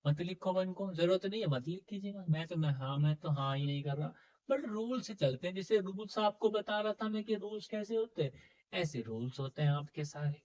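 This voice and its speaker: A man's voice: high voice, lively intonation, a little fast, darkish tone. A man teaching a chemistry class, coaxing students with repeated questions, his voice a little heavy from being unwell. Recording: dull, muffled lo-fi sound.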